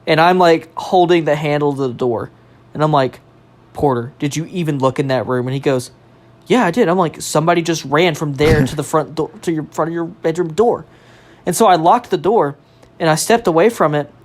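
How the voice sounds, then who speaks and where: A young adult on a podcast telling a ghost story in casual chat, animated, swearing freely and laughing along. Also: medium pitch, a little fast.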